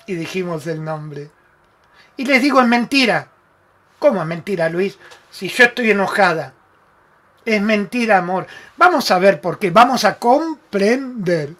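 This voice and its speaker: A man's voice: sits high, a bit bright. Argentine guy doing a live self-help show, emphatic, keeps calling viewers love and greeting them. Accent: Argentine Spanish. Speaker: spiritual talk show host.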